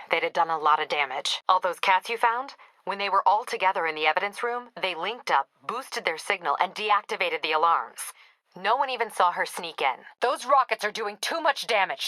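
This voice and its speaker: An American woman voices a tough, driven police captain in a video game, speaking in a clipped, authoritative, dry manner. Her voice is lowish with a sharp tone. The recording is rough, with no room sound.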